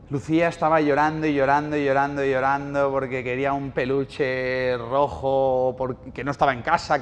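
A man gives a live lecture in a bookshop event space with an audience, telling ironic stories and asking the audience questions. His voice is mid-range, with big-room sound and slight background noise.

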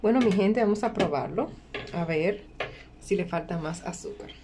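Working in a small workplace kitchen, a woman who vlogs home cooking demonstrates a recipe one step at a time, often repeating things and checking that the listener is following. She speaks at a normal pace in a fairly low voice, with clear kitchen sounds in the background.

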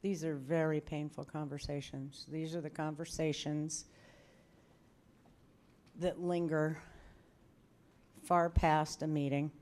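A woman in her sixties speaks into a table microphone at a public meeting. Her delivery is measured and firm, low in inflection and mellow in tone. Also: level tone. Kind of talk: measured formal remarks. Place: school board meeting room.

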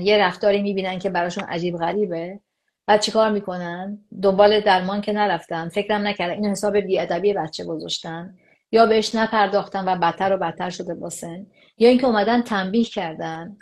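A woman talking as an expert guest in a conversational show. She explains at length in a casual way. She slips into acted-out dialogue to make her points. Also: mid-range voice. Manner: animated, acts out quoted dialogue. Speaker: psychologist guest.

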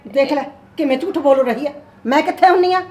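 An actress playing a harsh, sharp-tongued older mother-in-law in a short film. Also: sits high, brisk, roomy sound, natural voice. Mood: scolding. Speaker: actor. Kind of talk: Punjabi short film acting.

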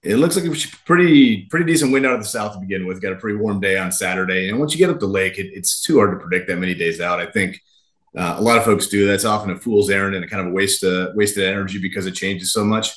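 A man's voice: low voice, fast, a bit bright. A man who races sailboats, answering interview questions in an easygoing, agreeable way. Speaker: racing sailor guest. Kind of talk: casual interview.

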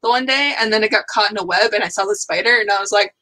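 A woman's voice: medium pitch, fast, pushed and bright. A young woman, chatting casually as co-host and acting out her own reactions. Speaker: co-host of writing sprint stream. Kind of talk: casual chat.

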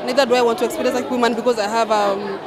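High-voiced Kenyan woman over loud crowd. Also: fairly even intonation, rapid-fire. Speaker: interview guest. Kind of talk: casual red-carpet interview chat. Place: large indoor event hall. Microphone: shared handheld interview microphone. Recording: loud music and crowd in event hall.

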